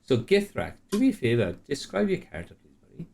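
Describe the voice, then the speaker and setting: A man's voice: mid-range voice, huge pitch swings, fast, creaky, a little mellow. A man running a tabletop game as game master, joking and swearing casually as he narrates. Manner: swears casually, jokey banter.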